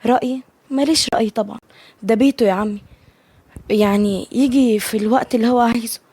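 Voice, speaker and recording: A woman with an Egyptian Arabic accent voicing a strong-willed young wife and new mother, higher and more heated than her narration. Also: fairly even intonation, quick pace, darkish tone, breathy edge. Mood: resigned.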